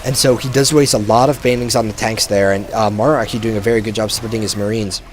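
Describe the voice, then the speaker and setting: A man with a fairly low voice calls a strategy game match on his own, chatty and relaxed, dropping fillers as he goes. He sounds a little short on sleep. A faint hiss sits under the home recording. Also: quick pace. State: tired. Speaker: game commentator. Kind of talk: solo video game commentary.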